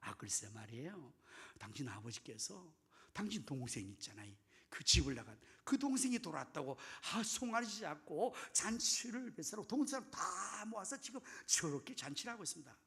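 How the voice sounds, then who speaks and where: A man voicing villagers who confide the news of the feast in low, gossipy tones. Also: sing-song, moderate pace, gravelly, few pauses, pushed and bright, husky, exaggerated voice. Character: chatty village gossipers, adults, reporting news.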